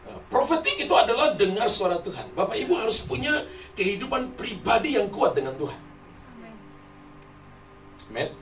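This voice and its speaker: High-voiced pastor preaching with laughter. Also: male voice, sing-song, moderate pace, long pauses, a bit bright. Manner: humorous storytelling, laughing often. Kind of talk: sermon. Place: church hall. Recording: roomy echo from far mic, music. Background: music.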